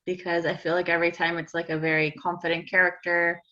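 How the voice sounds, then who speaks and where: A woman's voice: fairly low pitch, little pitch movement, quick pace, pushed and bright, highs cut off. A woman musing aloud in a casual book club chat.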